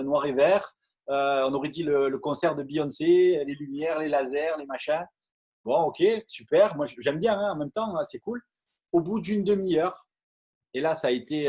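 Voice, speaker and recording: A middle-aged man from France tells a story to an audience in a lively way, with stumbles, repeated words and many fillers. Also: on the high side, breathy edge. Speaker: network marketing speaker. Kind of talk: animated storytelling talk to an audience.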